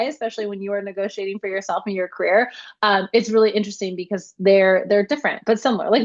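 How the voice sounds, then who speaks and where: Upbeat woman hosting, dull lo-fi sound. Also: medium pitch. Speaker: podcast host. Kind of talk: interview.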